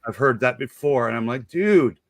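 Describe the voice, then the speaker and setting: Older male host, excitable and jokey, dry close sound. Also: medium pitch, moderate pace, no room sound. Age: 50s. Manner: enthusiastic, rambling, jokey. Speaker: show host. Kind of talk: casual fan chat.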